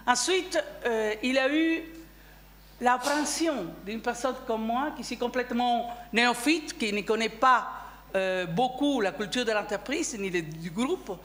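A woman on a cooperative's board giving a candid personal speech at a general assembly, halting, with many restarts and fillers. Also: fairly high pitch, fairly bright tone, reverberant. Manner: candid, chatty.

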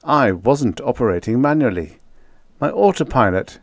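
A man voicing a calm but insistent male fighter pilot. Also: mid-range voice, moderate pace, no echo, voice pushed up, natural voice. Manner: earnest, insistent.

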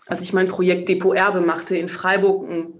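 A woman's voice: on the low side, level tone, normal speed. A woman artist in a casual dinner-table discussion, talking reflectively and asking herself questions aloud. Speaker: panel participant, artist.

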